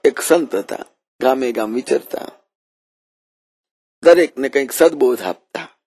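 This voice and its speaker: A man's voice: medium pitch, slow pace, a little mellow, breathy edge, no room sound. A man preaching a devotional sermon, telling a story and often repeating and rephrasing his words. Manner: repeats and rephrases while narrating.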